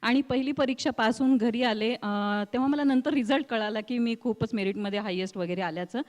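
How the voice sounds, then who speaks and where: Expressive Marathwada woman storyteller. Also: a little high, fairly quick, long reverb tail. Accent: rural Marathwada Marathi. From Marathwada, India. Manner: expressive, acts out quoted voices, laughs often. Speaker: guest, news reader and anchor. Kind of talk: animated storytelling interview.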